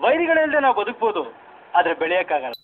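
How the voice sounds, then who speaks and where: An actor playing an earnest hero giving advice in a preachy manner. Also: male voice, sits high, sing-song, fast, heavy background noise. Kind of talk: film dialogue. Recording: tinny phone-like audio.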